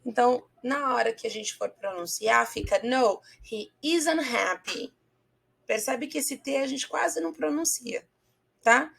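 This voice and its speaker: A woman with a Brazilian Portuguese accent gives a patient English lesson on video. Her voice sits a little high with a noticeable gravelly fry. She keeps checking in with her viewers and slows down to model each phrase. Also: a bit bright. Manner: patient, checks in often with listeners. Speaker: English teacher.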